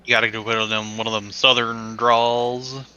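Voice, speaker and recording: A man in his thirties with a very bright, sharp voice jokes and teases his friends. His dull, lo-fi mic takes the top off the sound. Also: mid-range voice, level tone, normal speed, a little hiss or hum. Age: 30s. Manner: joking, teasing. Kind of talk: casual chat. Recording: dull lo-fi voice chat.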